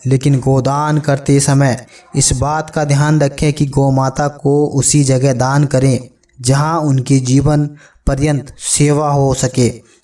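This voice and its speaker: A man tells a religious tale in a slow, solemn narration with little rise and fall in his voice. His tone is dark and mellow, and he sounds set back from the microphone, a little distant. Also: mid-range voice. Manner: solemn, measured storytelling addressed to friends.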